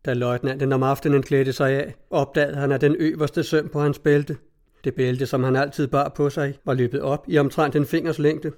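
A man narrating a story as an audiobook, in a steady, measured reading voice. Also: mid-range voice.

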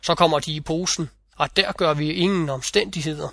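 A man's voice: on the high side, vocal fry, a bit bright, no room sound, clean studio sound. A man voicing a stern, threatening old female spirit, mother of the winds, in a fairy-tale reading.

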